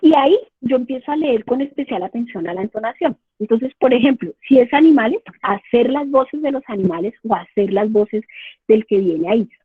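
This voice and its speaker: A woman's voice: a little high, a little fast, slightly rough, no echo. A woman professor with a Colombian accent giving an explanatory remote lecture to parents, asking herself rhetorical questions as she goes. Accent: Colombian Spanish. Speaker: university professor. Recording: tinny phone-like line.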